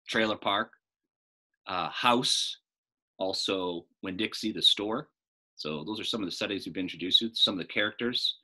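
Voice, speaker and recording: A middle-aged American man with a low, bright voice and a forceful tone reads a story aloud like a teacher. He delivers it expressively and slips in casual asides that explain things.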